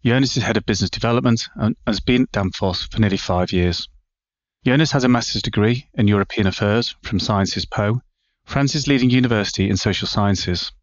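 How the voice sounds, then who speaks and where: Low guy hosting a podcast, measured scripted read, dry muffled sound. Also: dry recording. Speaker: podcast host. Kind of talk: scripted introduction and interview questions.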